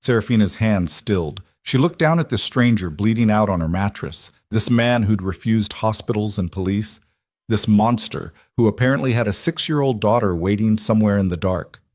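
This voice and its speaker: A man narrating a scripted audiobook romance story in a measured, dramatic storytelling manner. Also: on the low side, lively intonation, a little mellow, no room sound, clean studio sound.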